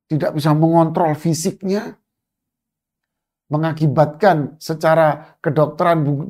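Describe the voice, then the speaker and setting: A man's voice: a little high, warm tone. A man giving an Islamic religious lecture, asking rhetorical questions, reciting Arabic phrases and translating them. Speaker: Islamic preacher. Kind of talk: religious lecture on a classical text.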